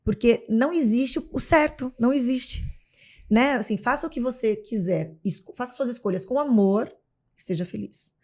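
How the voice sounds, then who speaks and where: Animated Brazilian woman telling stories. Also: fairly high pitch, moderate pace. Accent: Brazilian Portuguese. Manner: animated storyteller, acts out scenes. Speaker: guest, mother of three. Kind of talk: casual conversational interview.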